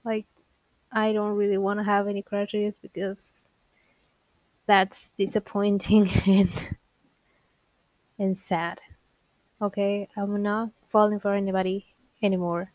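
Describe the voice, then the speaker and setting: A woman's voice: medium pitch, little pitch movement, takes it slowly, long pauses, darkish tone, no echo. A young woman hosting her own show, talking in a rambling, candid way, laughing often and poking fun at herself as she drifts between topics. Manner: self-deprecating, wanders off topic. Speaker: podcast host. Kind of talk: casual solo monologue.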